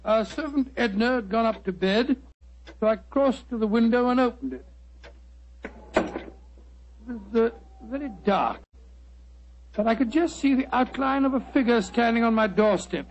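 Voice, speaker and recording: A man's voice: high voice, natural voice, low-quality recording. A man playing a genial, fussy elderly British doctor in 1940s radio drama, avuncular and bumbling, with a stammering delivery. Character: genial, fussy elderly English doctor telling his old adventures. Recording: hissy 1940s radio recording with clicks.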